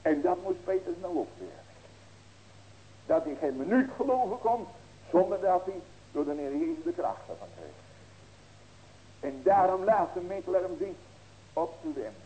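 Pastor preaching with sudden cries. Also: male voice, sits high, big pitch swings, normal speed, long pauses, poor audio. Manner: preaching with sudden loud raised cries and rhetorical questions. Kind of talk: sermon.

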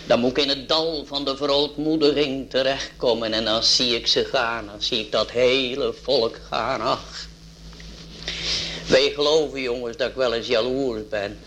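A man's voice: mid-range voice, fairly even intonation, a little slow, fairly bright tone, slight background noise. A man preaching an emotional sermon, drawn out and rising into fervent exclamations.

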